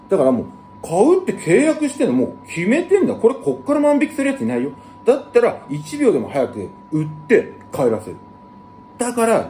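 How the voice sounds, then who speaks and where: A man hosting his own channel, talking bluntly in rough, slangy casual speech and explaining things to viewers. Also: mellow, a little hiss or hum. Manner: blunt, rough slangy talk with big jumps in pitch. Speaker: channel host. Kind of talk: casual monologue to camera.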